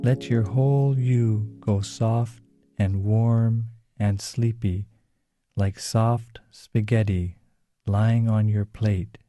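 A man gently leading children through a slow, soothing guided relaxation exercise. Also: lowish voice, steady tone, over loud music.

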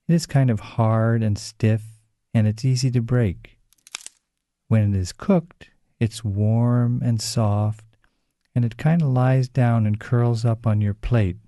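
A man gently leading children through a slow, soothing guided relaxation exercise. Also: medium pitch, fairly even intonation, no room sound.

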